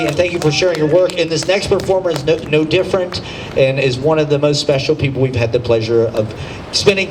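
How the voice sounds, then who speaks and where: A male host with a high voice gives casual, rambling and effusive introductions to performers. He is a bit far from the mic, with clear outdoor noise around him. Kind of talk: casual live stage announcing. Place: outdoor rooftop show. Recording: distant mic, loud open-air noise.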